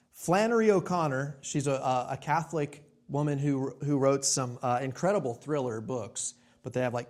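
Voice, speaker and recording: A man's voice: mid-range voice, darkish tone. A male pastor preaching a sermon in a church sanctuary in a conversational way, asking his congregation rhetorical questions.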